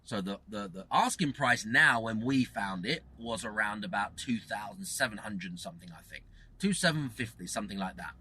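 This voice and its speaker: A man's voice: on the low side, expressive, normal speed, sharp tone, breathy edge, low-quality recording. A man, a property investor hosting his own channel, gives a casual teaching monologue. He talks emphatically, repeats phrases and keeps asking rhetorical questions.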